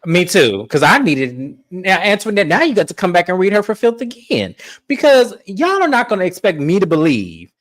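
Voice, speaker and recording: A co-host retelling a TV episode in a sassy, animated, casual way. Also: mid-range voice, normal speed. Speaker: co-host of a TV recap show. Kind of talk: casual review chat.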